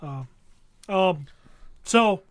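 Man, co-host, eager casual chat, fairly high pitch, dry sound. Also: expressive, drawn-out words, no echo. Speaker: podcast co-host.

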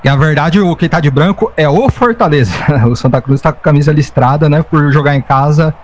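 A man's voice: a little high, a little fast, a little mellow. A man giving live football play-by-play in a conversational way, sometimes stumbling and correcting himself. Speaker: football commentator.

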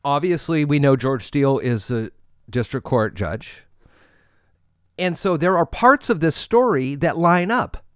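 A man's voice: fairly high pitch, unhurried, clean tone, no room sound, clean studio sound. A man with an American accent casually telling a story, acting out bits of dialogue as he goes. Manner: animated, re-enacts dialogue in his retelling.

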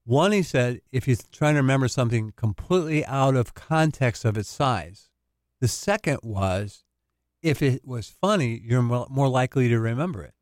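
A man's voice: mid-range voice, expressive, moderate pace, darkish tone, no echo. Man, counselor, radio guest, laughs easily, explains patiently, dry studio sound. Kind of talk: casual radio chat.

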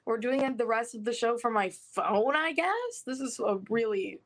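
A woman's voice: fairly high pitch, lively intonation, moderate pace. A young woman, a co-host, chatting casually and saying "like" a lot, her voice coming through a phone connection. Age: young adult. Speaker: podcast co-host. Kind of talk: casual chat.

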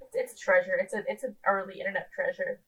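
A woman's voice: medium pitch, steady tone, fast talker, poor audio. A woman in her twenties co-hosting a podcast in casual chat, rambling with lots of ums and restarts. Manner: rambling, self-deprecating, many ums and restarts. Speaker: podcast co-host.

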